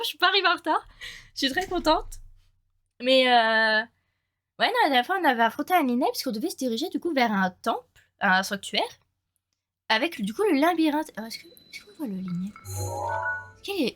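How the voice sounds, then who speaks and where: This young woman's let's play commentary is casual and full of laughter as she talks to viewers at home, her voice stuffy and slightly nasal with a cold. It's high and a bit bright, swinging widely in pitch, fairly quick and often pausing, over background game music.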